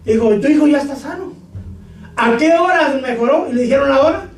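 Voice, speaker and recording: A male pastor preaching a sermon, shouting scripture and joking with his congregation. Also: very high-pitched, a little fast. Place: church hall. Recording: echoey room, far from mic.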